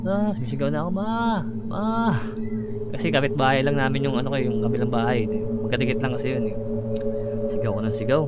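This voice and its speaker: A man casually telling a personal horror story about sleep paralysis, halting and acting out his own shouts. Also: mid-range voice. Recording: slightly dull audio with clear background noise.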